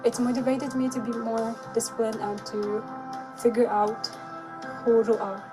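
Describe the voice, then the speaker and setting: A woman's voice: fairly high pitch, level tone, unhurried. Young woman's earnest testimonial over music. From Sudan. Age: 20s. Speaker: student in a testimonial video. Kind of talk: personal testimonial. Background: background music.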